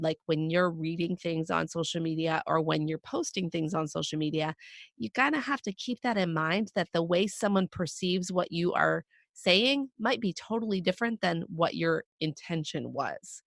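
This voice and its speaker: A woman co-hosting a podcast with a scratchy, raspy voice, hoarse from a cold, explaining points in a relaxed, chatty way. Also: fairly low pitch, normal speed, no room sound, studio quality. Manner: explanatory, laid-back, with frequent fillers. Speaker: podcast co-host. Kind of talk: casual podcast discussion.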